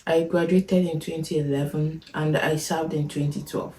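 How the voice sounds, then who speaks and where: On her family vlog, a woman in her 30s with a Nigerian accent talks casually and laughs a lot. Her voice is deep and dark with a steady tone and moderate pace. The sound comes from far off in an echoey room, with a little hiss or hum.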